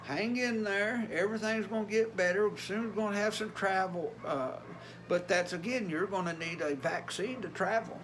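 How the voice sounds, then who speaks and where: Older male vlogger, Appalachian Tennessee accent, notably high-pitched voice, folksy and plainspoken, some background noise. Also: normal speed, a bit bright. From Tennessee, USA. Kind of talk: casual vlog talk.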